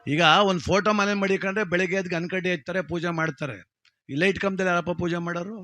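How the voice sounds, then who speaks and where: A man telling a village comedy story with a rural Karnataka Kannada accent, acting out each character with sudden high shouts. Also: fairly even intonation, quick pace, no room sound, soft background music.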